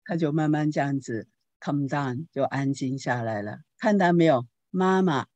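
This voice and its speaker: A woman pastor giving a teaching talk on parenting, telling anecdotes in a lively way and asking the audience questions. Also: low voice, normal speed, dry recording. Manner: lively storytelling with rhetorical questions.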